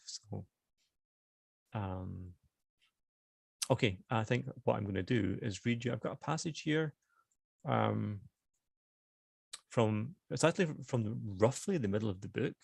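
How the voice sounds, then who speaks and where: A man's voice: lowish voice, creaky, no echo. A middle-aged man with a Glasgow Scottish accent, a novelist who talks hesitantly about his book and reads from it. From Scotland. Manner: hesitant, with many fillers and restarts in chat. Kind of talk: author reading and book talk.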